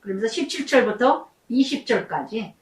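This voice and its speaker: A woman's voice: a little high, very animated, moderate pace. An older woman pastor giving an emotional, story-filled sermon, acting out the prayers she tells of. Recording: echoey room, voice from far off.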